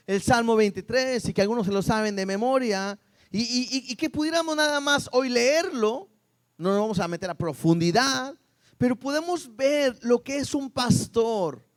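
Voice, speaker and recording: Brief: male preacher, very high voice, lively sermon full of questions to the congregation. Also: normal speed. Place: church service before a congregation.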